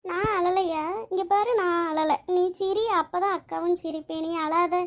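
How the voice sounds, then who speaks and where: A woman's voice: extremely high pitch, steady tone, moderate pace. A woman voicing a loving, motherly elder sister and wife in a cartoon drama, with an affectionate, emotional manner. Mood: tearful, loving. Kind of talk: Tamil cartoon drama voice acting.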